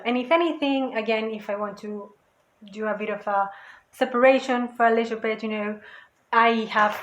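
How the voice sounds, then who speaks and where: Woman craft vlogger, slightly high voice, rambling casual chat, echoey room. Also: fairly bright tone. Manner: rambling, chatty, with lots of "you know" and "basically".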